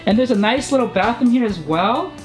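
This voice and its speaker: A man's voice: very high voice, animated, a little fast. A young man hosting a casual travel vlog, touring a boat and cheerfully pointing things out. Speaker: vlog host. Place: outdoors on a boat deck and inside a boat cabin. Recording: music playing under the voice.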